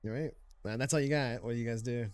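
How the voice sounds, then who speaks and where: A man narrating a tabletop game as game master, relaxed and rambling. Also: medium pitch, fast, clear, resonant tone.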